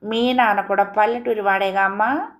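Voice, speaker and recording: A woman's voice: medium pitch, steady tone, moderate pace, voice pushed up, lightly acted. A woman voicing a timid, pouting young village girl.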